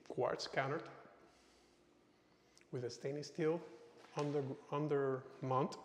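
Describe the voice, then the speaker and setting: A man with a voice on the high side tours an empty new house indoors as a real estate agent, using casual sales patter and often adding "okay" to his phrases. There's slight background noise, plus echoey reverb from the empty rooms.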